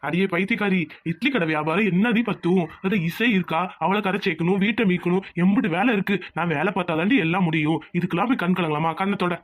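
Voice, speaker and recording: Cartoon village farmhand husband, easygoing, quick talker, played by a man. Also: sits high. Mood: calm, consoling. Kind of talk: cartoon voice acting.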